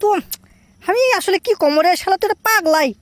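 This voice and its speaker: A man voices a cheeky, boastful young cartoon character with a high, slightly bright voice and a Bogura, Bangladesh accent, mocking his lovesick friend. He rattles off his lines very fast in comic dialogue, recorded dry and close.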